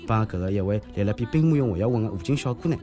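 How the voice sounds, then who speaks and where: A man's voice: fairly low pitch, expressive, racing, mellow, soft background music. A man with a Shanghai accent hosting a podcast, giving humorous news commentary in a joking, teasing manner. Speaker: host of a comedy news podcast.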